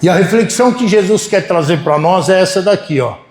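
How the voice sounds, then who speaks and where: A Brazilian pastor preaching to his church, his voice set a little high for a man. He talks in a homely, chatty way and keeps turning to the congregation with quick asides. His volume rises and drops as he preaches. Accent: Brazilian Portuguese. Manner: folksy, keeps asking the congregation "né?"; animated, swings between loud and soft. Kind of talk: sermon.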